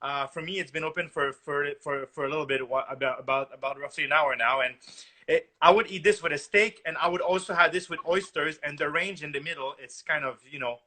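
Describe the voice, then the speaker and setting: A man hosting a casual podcast about wine, talking haltingly with many restarts and fillers. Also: a little high, pushed and bright. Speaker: podcast host, wine enthusiast.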